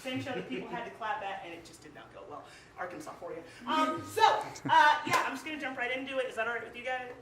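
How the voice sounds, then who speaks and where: Against a crowd in the background, a young Ohio woman from Cleveland rattles off spoken word poetry, talking fast with few pauses in a slightly high, expressive voice. She's emotional and emphatic, using "like" a lot. The mic picks her up from a distance in a small live music venue, with a roomy echo.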